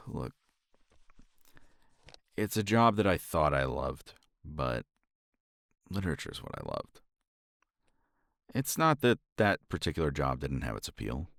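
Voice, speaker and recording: In this romantic ASMR roleplay, a man murmurs soft, intimate reassurance to his partner right up against the mic. His very deep, gravelly voice is slow, pauses often, swings widely in pitch and has a bit of brightness, with no room sound.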